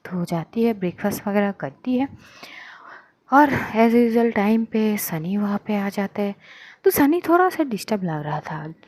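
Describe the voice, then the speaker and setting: A woman's voice: mid-range voice, animated, unhurried, a little mellow, dry recording. A woman narrating a romance story in a casual, conversational way.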